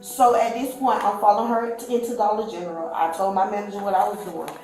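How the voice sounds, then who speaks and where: A woman's voice: medium pitch, steady tone, quick pace, a little mellow. A woman telling police a long, rambling account, acting out what others said. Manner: rambling storytelling, acting out quoted speech. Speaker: witness. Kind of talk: recounting events to police. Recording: very echoey room with faint music.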